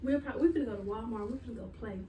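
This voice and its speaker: A woman's voice: on the high side, very fast. A young American woman chatting casually in a vlog, blunt and slangy, recorded in a bedroom. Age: young adult. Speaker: vlogger. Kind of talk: casual chat, food tasting vlog. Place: small bedroom, seated at table. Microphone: camera a few feet away. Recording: roomy, distant mic, faint noise.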